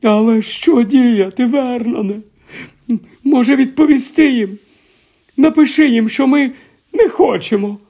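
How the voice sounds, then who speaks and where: A man voicing a panicky middle-aged aunt in an audiobook, high and trembling. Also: unhurried, pauses often, dark tone, highs cut off, exaggerated voice. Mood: anxious. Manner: high, trembling, breathless pleading. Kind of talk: audiobook character voice.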